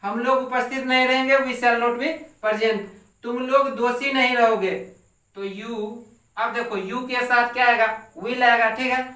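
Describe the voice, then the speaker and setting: A teacher with a bright voice gives a translation lesson and dictates each sentence word by word. Every step ends with a quick checking question. The voice sounds far from the mic in an echoey room. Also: medium pitch, fairly even intonation. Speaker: English teacher. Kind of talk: translation lesson explaining grammar.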